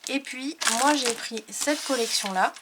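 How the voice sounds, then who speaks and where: A woman's voice: high voice, measured pace, noisy background. A woman who chats casually and hesitantly as she shows off craft papers she received, with lots of fillers. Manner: chatty, hesitant with many fillers. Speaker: scrapbooking YouTuber. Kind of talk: casual product haul talk.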